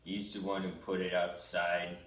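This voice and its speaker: A man's voice: low voice, monotone, moderate pace, fairly bright tone. A young man testifying as a witness in an improvised mock trial, hesitant and full of fillers. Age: young adult. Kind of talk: improvised comedy sketch. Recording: roomy echo, distant mic.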